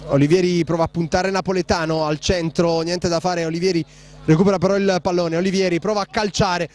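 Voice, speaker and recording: Breathless, high-pitched man commentating on futsal. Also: brisk. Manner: breathless, excitable, shouting on goals. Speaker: match commentator. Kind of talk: live futsal play-by-play commentary.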